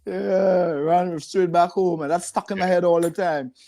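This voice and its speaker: As a podcast guest, a retired rehabilitation director from San Fernando, south Trinidad, tells stories in a casual, conversational manner with his Trinidadian accent. The older man's voice sits high yet has a dark tone, fairly even in intonation and a little slow. He reminisces with frequent chuckles.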